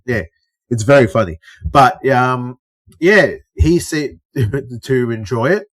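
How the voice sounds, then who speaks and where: A man's voice: medium pitch, animated, slow. Australian man telling a toilet story. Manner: storytelling, acts out others' lines, swears casually. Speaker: podcast co-host. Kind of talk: casual chat.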